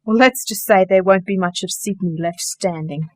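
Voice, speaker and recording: In a radio play, a woman voices a composed, genteel female sorcerer who organizes magic workers, speaking politely, precisely and matter-of-factly with dry wit. Her mid-range voice has a darkish tone and moderate pace, recorded dry and close to an everyday voice.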